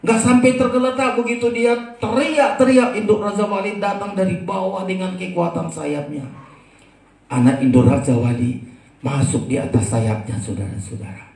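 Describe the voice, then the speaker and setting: A male pastor tells a sermon story in an animated way, often turning to address the congregation. His voice sits high for a man. It echoes through a church hall and reaches a mic some way off. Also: normal speed, vocal fry, recorded from a distance. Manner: animated storytelling, repeats "saudara-saudara".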